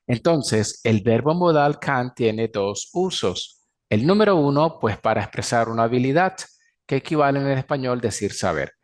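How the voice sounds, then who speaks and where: A man teaching an English grammar class in Spanish, pronouncing the English example sentences slowly and clearly. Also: medium pitch, animated. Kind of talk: recorded class lecture.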